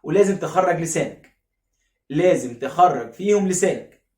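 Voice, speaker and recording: A man with an Egyptian Arabic accent teaches phonics, slowly stretching out and repeating each sound and asking questions he answers himself. His voice is a little high and a little mellow, with lively intonation, in an echoey room.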